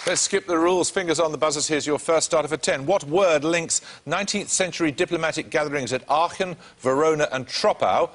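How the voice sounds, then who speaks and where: Man, quiz show host, fairly high-pitched, dry wit, crisp question reading. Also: a bit bright, some chatter behind, a little hiss or hum. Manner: crisp, dry and wry, briskly authoritative. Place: television studio.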